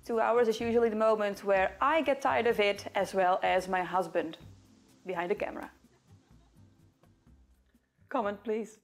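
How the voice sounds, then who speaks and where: A young woman from the Netherlands, a violinist and video host, chats casually with a Dutch accent while answering questions to camera in a small living room in front of bookcases. Her mid-range voice is steady at normal speed with frequent pauses, and faint music plays behind her.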